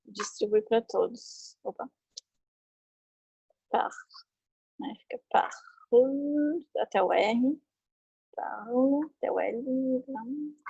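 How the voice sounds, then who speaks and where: Gravelly-voiced woman teaching French online. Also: fairly high pitch, takes it slowly, long pauses, a little mellow, no room sound, rough recording. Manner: patient, repeats and checks understanding with tag questions. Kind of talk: online class, explaining conjugations.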